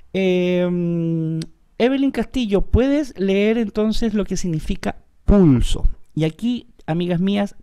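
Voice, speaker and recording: Patient music teacher, mellow tone, online class, calls students by name. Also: mid-range voice.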